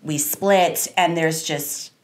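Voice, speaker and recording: A woman's voice: low voice, fairly even intonation, slow, a crowd in the background. A woman in her thirties, a salon owner, talking as a podcast guest in an earnest, reflective way, stringing long thoughts together, recorded on a desk mic in a small studio. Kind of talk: podcast interview. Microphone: studio mic on a desk stand, wearing headphones.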